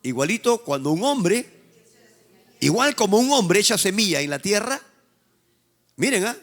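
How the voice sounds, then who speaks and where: Preaching a bit slowly, a pastor from Peru speaking Peruvian-accented Spanish delivers a sermon in a high, ringing voice full of energetic swoops. The congregation echoes his words back in call-and-response while he goads them with playful urging, all heard as a live church service.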